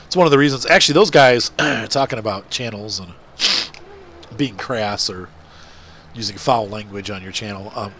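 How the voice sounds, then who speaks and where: In a very noisy recording, a middle-aged man speaks at normal speed with a fairly low pitch. He's a gaming channel host with a congested nose, giving rambling, filler-heavy commentary while playing a farming game.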